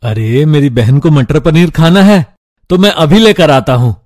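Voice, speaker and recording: A man voicing a doting elder brother who spoils his sister, loudly. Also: a little high, expressive, measured pace, no echo. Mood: indulgent.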